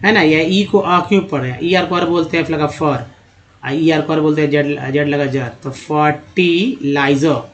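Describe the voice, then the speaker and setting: A man gives a spoken lesson over slides, naming letters and then sounding them out part by part. His voice sits a little on the high side. He talks to his viewers as friends. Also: normal speed, highs cut off. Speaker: English reading teacher.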